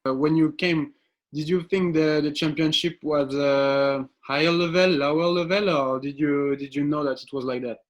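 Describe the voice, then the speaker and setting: A male interviewer asking questions in a halting way, with frequent hesitations. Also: on the high side, steady tone. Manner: halting, with many "uh" fillers.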